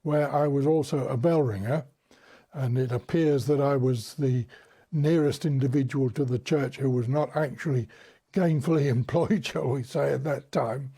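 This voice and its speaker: An elderly English man in his seventies or older, a bell ringer, appears as a guest in a broadcast interview, recalling and explaining things unscripted. He's courteous, formally worded, and hesitant. His voice is on the high side, mellow, and slightly rough.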